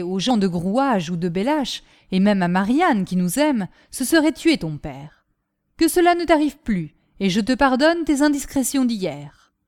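A woman's voice: on the high side, a little mellow. A woman reading aloud, voicing a stern and menacing gamekeeper who commands his family. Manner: commanding, threatening. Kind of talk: audiobook reading of a novel.

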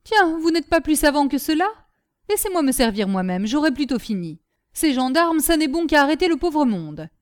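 A woman reader voicing a grumbling, quarrelsome old woman servant who scolds without pause. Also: high-pitched, sing-song, a little mellow, pitched above the performer's own voice. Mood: scolding. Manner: scolding, quarrelsome, quick retorts.

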